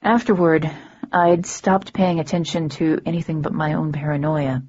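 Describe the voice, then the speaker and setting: A woman reading a novel aloud in first person, with a dry, wry delivery and a husky voice. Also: deep voice, steady tone, normal speed, a little mellow. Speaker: audiobook narrator. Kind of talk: first-person audiobook narration. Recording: dull lo-fi recording.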